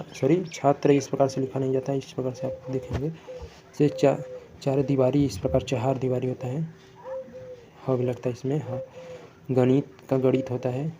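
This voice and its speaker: A man teaches Hindi spelling for exam preparation, working through it word by word, repeating himself and frequently correcting himself. His voice is medium-pitched and mellow, with slight background noise.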